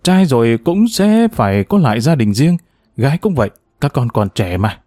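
A man voicing a patient, gently wry retired male investigator in his sixties or older, speaking calmly in a fatherly way. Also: medium pitch, moderate pace, no room sound. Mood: coaxing.

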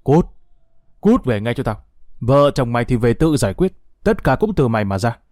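A man's voice: mid-range voice, very animated, moderate pace, no echo, studio quality, natural voice. A man reading an audio story, voicing an angry older father who scolds his daughter. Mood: furious. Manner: shouting, scolding. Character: angry older father, hot-tempered and harsh.

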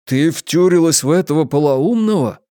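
A man's voice: on the high side, expressive, moderate pace, warm tone, no room sound, studio quality, pitched above the performer's own voice, natural voice. A man voicing a jealous, hot-headed police officer in an audiobook, angry and crude. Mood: agitated.

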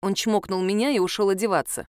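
A woman narrating a first-person story in an expressive, storytelling manner. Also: mid-range voice, fast, clean tone, dry recording, clean studio sound. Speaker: audiobook narrator.

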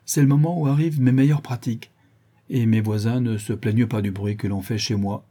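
A man reading the part of a sly, suspicious tavern keeper in a falsetto voice in an audiobook. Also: steady tone, fairly quick, warm tone, slightly rough, lightly acted.

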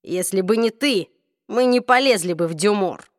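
A woman voicing a brooding young man, speaking low, slow and clipped in an audiobook reading. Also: expressive, dry recording, studio quality, natural voice. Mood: cold.

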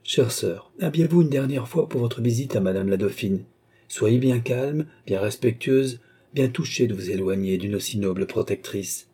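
A man reading an audiobook, voicing a stern and ceremonious young nobleman in a solemn, measured way. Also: medium pitch, animated, dark tone, slightly rough. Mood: grave.

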